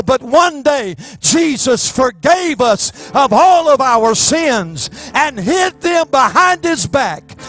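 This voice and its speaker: High-voiced preaching man, slow and deliberate. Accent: Southern US. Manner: impassioned preaching, rising to shouts. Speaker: pastor. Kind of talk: sermon. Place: church sanctuary stage. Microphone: handheld microphone.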